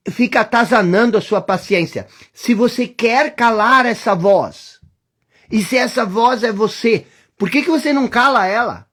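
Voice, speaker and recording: A teacher with a Brazilian accent gives a reflective lesson, addressing the listener directly and repeating rhetorical questions. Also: mid-range voice. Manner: speaks directly to the listener, sometimes dropping to a hush. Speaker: course teacher.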